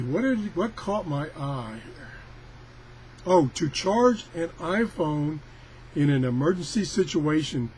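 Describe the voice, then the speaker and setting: Grumbling and self-deprecating, an older man rambles folksily through a casual product demonstration as a reviewer. His voice leans high with a darkish tone, and the amateur recording is clearly noisy.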